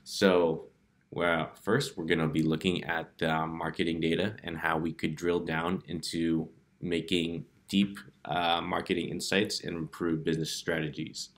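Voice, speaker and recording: A man presenting a data analytics dashboard demo in a relaxed way, with frequent fillers. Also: sits low, measured pace. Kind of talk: casual software demo walkthrough.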